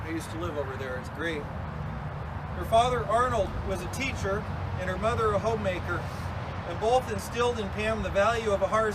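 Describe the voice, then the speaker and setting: A man officiating a funeral, delivering a eulogy in a conversational, folksy way with casual asides. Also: sits high. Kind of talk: eulogy at a graveside service. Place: outdoors at a graveside. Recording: clear outdoor noise, passing vehicles. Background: outdoor ambience and vehicle noise.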